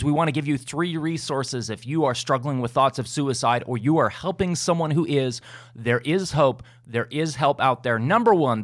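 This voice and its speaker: A man's voice: medium pitch, dry recording, clean studio sound. A man hosting a podcast, closing the episode in an earnest, encouraging way and reading out the outro. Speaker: podcast host. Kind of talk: podcast host wrap-up and outro.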